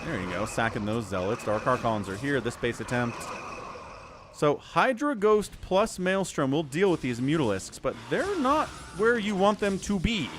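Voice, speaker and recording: A man's voice: on the high side, very animated, moderate pace, fairly bright tone, slight background noise. Casting: male stream commentator, lightish voice, swooping intonation, chatty and wry. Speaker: livestream game commentator. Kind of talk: casual esports commentary.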